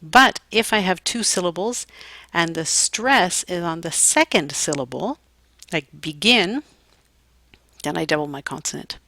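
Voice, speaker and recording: A woman teaching an English grammar lesson, explaining clearly and deliberately, with dry little jokes. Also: on the low side, pushed and bright, no echo.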